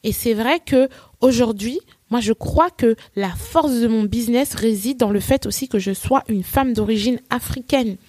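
This woman, an English-teaching entrepreneur appearing as a guest in a relaxed podcast conversation, tells animated stories and performs the quotes within them. She speaks at a moderate pace in a voice on the high side, and the recording is dry.

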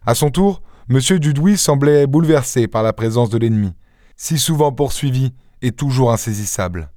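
A man narrating a classic literary tale in a steady, expressive storytelling manner, as an audiobook narrator. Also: mid-range voice, moderate pace, no echo, clean studio sound.

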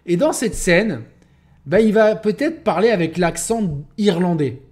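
A man's voice: high voice, animated, unhurried, darkish tone. A man reviewing a video game in a casual, rambling way, often restarting his sentences. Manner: rambling, many restarts and fillers.

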